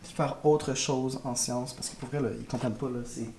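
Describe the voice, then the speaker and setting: Here the Quebec-accented elementary teacher sounds congested, his medium-pitched voice dark in tone, fairly even in intonation and moderate in pace. He rambles tiredly and frankly in a casual vlog to camera, caught on the camera mic with slight background noise.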